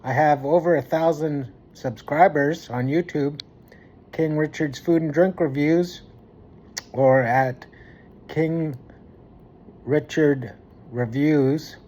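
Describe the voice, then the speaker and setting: A man's voice: on the high side, fairly even intonation, slow, pauses often, dark tone. A man talking casually to his viewers as a food review vlogger.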